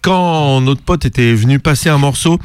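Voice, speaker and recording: A man's voice: mid-range voice, normal speed, clear, resonant tone, dry recording. A man hosting a radio music show, chatting casually with many hesitations.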